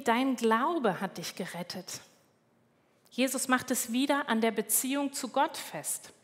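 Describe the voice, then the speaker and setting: A woman preaches a sermon at an unhurried pace, calm and measured, stopping now and then to correct herself. Her voice rings out with the long reverb of a large church hall. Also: fairly high pitch. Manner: calm, measured, with small slips and self-corrections.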